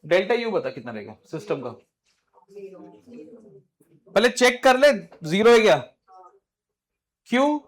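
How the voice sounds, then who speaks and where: A man teaching a physics class in mixed with English, quizzing his students in a brisk, informal way. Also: high voice, big pitch swings. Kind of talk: classroom lecture.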